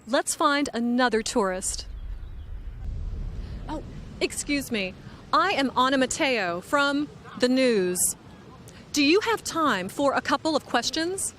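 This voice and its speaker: A woman playing a cheerful news reporter who interviews tourists outdoors, speaking clearly and slowly for an English lesson. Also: sits high, lively intonation, a bit bright, a little hiss or hum, exaggerated voice. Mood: upbeat. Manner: clear, upbeat, slow teaching delivery. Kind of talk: scripted English lesson dialogue. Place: outdoors in a city. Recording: music bed under the voice.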